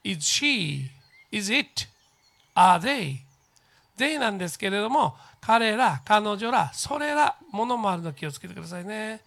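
A teacher explaining grammar step by step, pausing on fillers as they go. English model phrases come out slowly and clearly so students can repeat them. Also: medium pitch, expressive, fairly bright tone. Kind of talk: recorded English grammar lesson for junior high students.

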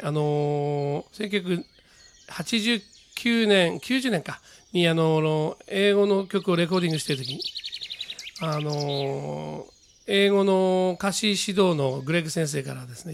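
A man teaches English pronunciation in a relaxed, talkative way. His voice sits high, and he drills example sentences slowly and patiently. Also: slight background noise. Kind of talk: casual spoken lesson.

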